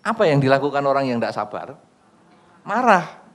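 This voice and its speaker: A man's voice: medium pitch, sing-song, fairly quick. A man giving a Buddhist sermon in a casual, conversational way, asking the audience questions and acting out the people in his examples. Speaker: Buddhist monk giving a Dhamma talk.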